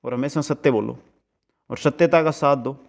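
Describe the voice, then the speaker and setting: A male teacher giving an exam-prep lesson. He chants each verse slowly, then explains it in quick asides, asks students if they understood, and calls them friends. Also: medium pitch, gravelly. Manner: addresses students as friends, asks checking questions.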